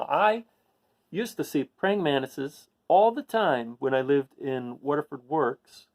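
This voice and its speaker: A man with a medium-pitched, darkish voice reads a children's picture book aloud as a read-aloud host. He adds casual asides and asks his listeners questions along the way.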